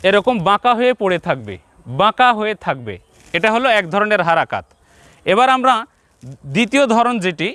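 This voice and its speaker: Male teacher with a Bangladeshi Bengali accent, high-pitched, dry close recording, patient and repetitive, talks straight to viewers. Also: pushed and bright, dry recording. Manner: repeats each point slowly, addresses viewers directly. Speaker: Quran teacher. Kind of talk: step-by-step reading lesson.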